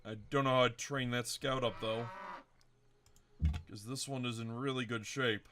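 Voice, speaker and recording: A man's voice: mid-range voice, fairly even intonation, normal speed, pushed and bright, slight background noise. A man hosting a let's-play video, casually thinking aloud and correcting himself as he plans his moves. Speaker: game commentator.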